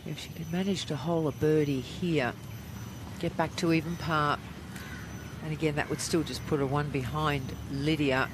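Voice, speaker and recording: A man's voice: a little high, fairly even intonation, normal speed. A man giving live golf commentary and analysis of the play. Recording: outdoor broadcast with clear background noise.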